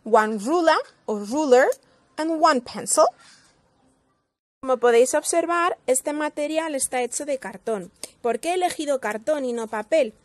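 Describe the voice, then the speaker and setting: A woman from Spain, an English teacher giving a slow pronunciation lesson, modeling words carefully and explaining them. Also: high-pitched, no room sound.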